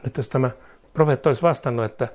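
A man's voice: medium pitch, a little mellow. A man preaching a sermon, emphatic and repetitive, rising into fervent prayer.

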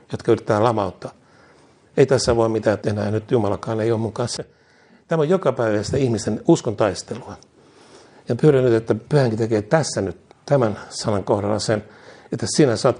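A man's voice: mid-range voice, dark tone, husky. A man preaching a sermon, reading scripture and urging listeners on with earnest, repetitive exhortation.

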